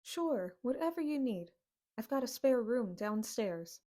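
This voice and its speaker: A woman's voice: on the high side, sing-song, measured pace, warm tone. A woman voicing a fatherly older male alien saloon owner who fusses and scolds, calling the others kid. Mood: fussing.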